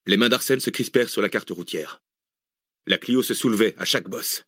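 A man with a fairly low voice narrates a thriller audiobook in a steady, measured reading. The recording is close and dry, with no room sound. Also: husky, no echo.

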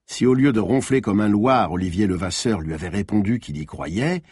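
A man narrating a novel as an audiobook, with expressive storytelling. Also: on the low side, moderate pace, slightly rough, dry recording, clean studio sound.

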